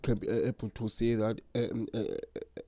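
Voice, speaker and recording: Talking to camera for his personal vlog, a young South African man earnestly describes himself as his channel's host, unhurried throughout. His lowish, warm voice shows little pitch movement, captured in a dry recording. He stutters, with repeated words and blocks.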